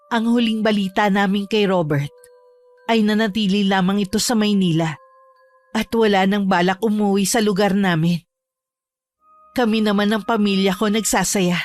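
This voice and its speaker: Female storyteller for a horror audio drama; measured and grave. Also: medium pitch. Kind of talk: scripted horror narration.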